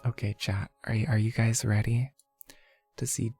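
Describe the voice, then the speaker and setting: A playful, goofy livestreamer chats casually to viewers. The voice is creaky and soft-edged rather than bright, and the delivery is slow, with silly little exclamations. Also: medium pitch, little pitch movement, soft background music. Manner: playful, goofy, with sing-song nonsense exclamations.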